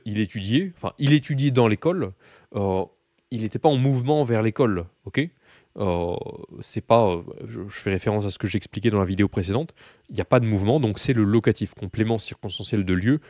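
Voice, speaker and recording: A man with a somewhat low voice runs a relaxed beginner Russian lesson, talking straight to his learners. He rambles through asides and fillers. The sound is dry and close, with no room echo. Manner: chatty, many fillers and asides, addresses learners directly. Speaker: Russian teacher. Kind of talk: casual video lesson.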